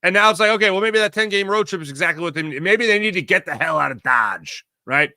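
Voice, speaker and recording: A man hosting a casual sports podcast, reading viewer chat with sarcastic, animated commentary. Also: fast, no room sound, clean studio sound. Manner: reads ad copy with big pitch swings. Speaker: podcast host.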